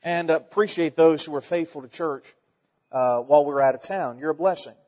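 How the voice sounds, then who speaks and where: A pastor in his forties preaches a fervent sermon to his congregation in a church sanctuary, packed with rhetorical questions and folksy asides. His voice is fairly high, brisk, and a little mellow. The recording sounds dull in the reverberant church hall.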